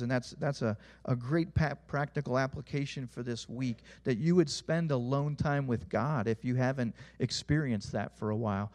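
A young adult man preaching a sermon as a pastor, earnest, putting questions to the listeners and letting his voice drop low at the ends of phrases. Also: a little mellow.

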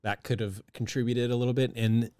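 A man's voice: medium pitch, level tone, a little fast, darkish tone, clear, resonant tone, no echo, studio quality. A man co-hosting a casual podcast, talking loosely with lots of fillers and trailing phrases. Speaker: podcast co-host. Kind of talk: casual chat.

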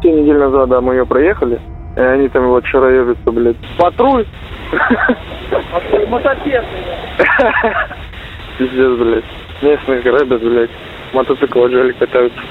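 Swearing soldier over a tinny phone line. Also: male voice, medium pitch, normal speed, pauses often. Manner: swears constantly, blunt and agitated. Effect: heard over an intercepted phone line. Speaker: soldier calling home. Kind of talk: casual phone call.

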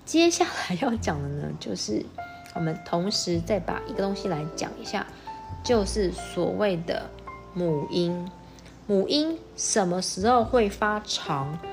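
A woman with a lowish voice teaches phonics, spelling out letters and repeating each sound with patient care. Faint music plays under her voice. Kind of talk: explanatory lesson.

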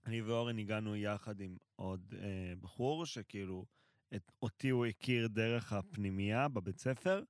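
A man chats as a podcast guest. His voice is on the low side and recorded dry, without room sound. He is informal and joking, dropping English phrases into his talk. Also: no room sound. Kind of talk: casual podcast chat.

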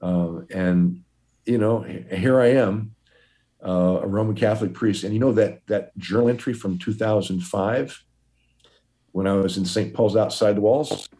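Deep-voiced older priest telling stories. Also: male voice, measured pace, warm tone. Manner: folksy storyteller, chuckling, with many restarts. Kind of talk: telling his life story in an interview.

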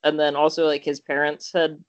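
A man's voice: on the high side, completely flat delivery, brisk, clear, resonant tone, no echo, dull audio. A young man co-hosting a podcast, telling a story in casual chat, rambling with lots of fillers and restarts. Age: young adult. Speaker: podcast co-host.

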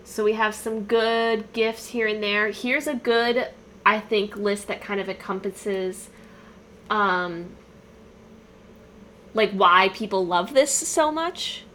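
A woman talks casually, reading from a list and slipping into playful voices for quoted lines. Her pitch sits in the middle range. A faint hiss runs under the recording. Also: slow pace, fairly bright tone. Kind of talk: casual chat.

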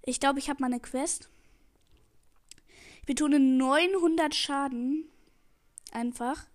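Excitable high-voiced teen girl gamer. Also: slow pace. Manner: excitable, pleading and narrating every move. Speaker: gamer streaming her match. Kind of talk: live gameplay commentary. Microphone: headset.

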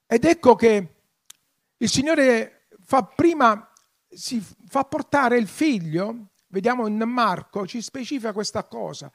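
A man preaching a sermon, passionate, swelling into loud, emphatic appeals. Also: extremely high pitch, takes it slowly, gravelly. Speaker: pastor.

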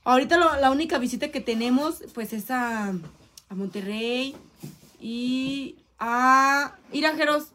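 A woman's voice: high voice, unhurried, sharp tone. A woman with a Mexican accent chatting casually on a live stream from home, joking, swearing and reading out viewer comments. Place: at home, indoors.

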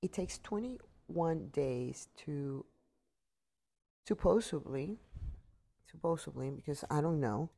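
A woman's voice: deep voice, animated, slow, few pauses, dark tone. A tired woman giving an earnest, repetitive motivational talk into her computer mic.

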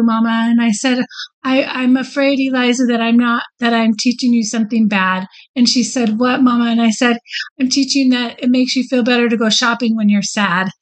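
A middle-aged woman with a somewhat high voice talks casually on a podcast. She tells stories in a chatty way and laughs easily. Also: poor audio. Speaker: podcast co-host. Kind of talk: casual chat.

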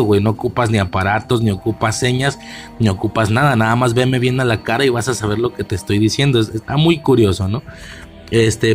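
A man with a Mexican accent giving a casual film commentary, rambling and slangy, with many fillers and restarts. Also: mid-range voice. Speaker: movie reviewer.

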